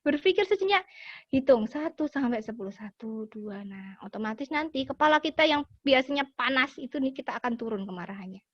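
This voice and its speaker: A woman giving a lively lesson to schoolchildren, acting out little example phrases as she explains. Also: high-pitched, fast talker, no echo. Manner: animated, acts out example phrases. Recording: dull, dry lo-fi sound.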